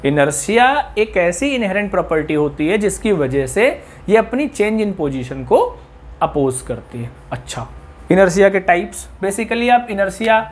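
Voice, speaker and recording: Chatty male physics teacher. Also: high-pitched. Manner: chatty, mixes English terms into explanations, asks the class questions. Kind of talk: classroom lecture.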